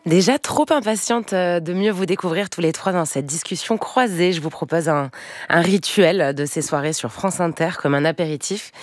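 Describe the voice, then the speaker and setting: A woman hosting a radio talk show, introducing guests in a measured, formal way. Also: fairly low pitch, dry recording, clean studio sound. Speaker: radio host.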